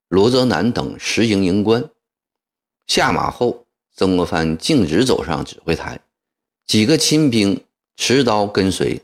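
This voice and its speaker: A man narrating a historical novel as an audiobook, in a measured, expressive storytelling manner. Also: low-pitched.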